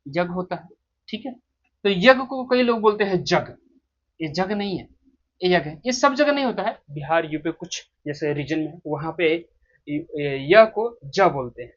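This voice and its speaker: An Indian man teaching English pronunciation, explaining step by step and slowly modelling each sound. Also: a little high. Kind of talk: pronunciation lesson. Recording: muffled, husky lo-fi recording.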